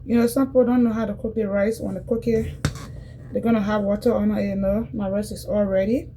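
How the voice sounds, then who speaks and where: Faint music plays behind a woman from Liberia, West Africa, as she casually cooks in her home kitchen and chats to her viewers, often repeating herself. The cooking vlogger has a warm, mid-range voice with a flat delivery, speaks fairly quickly, and the recording quality is low.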